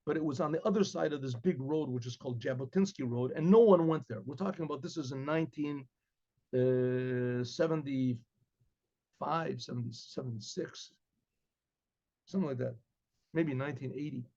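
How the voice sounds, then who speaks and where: Seated at his desk before a webcam in a study full of books, an older man with an American accent tells a meandering story to a relaxed class, clearing his throat often and repeating himself. He speaks at medium pitch and a moderate pace with a warm tone, and the audio is lo-fi.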